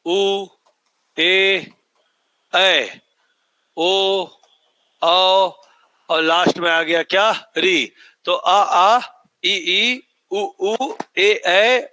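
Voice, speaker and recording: A man's voice: sits high, sharp tone, no room sound. A man teaching a class in a lecture style, repeating points and quizzing students who answer back. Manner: repetitive, quizzing, drills answers. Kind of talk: classroom lecture with call-and-response questions.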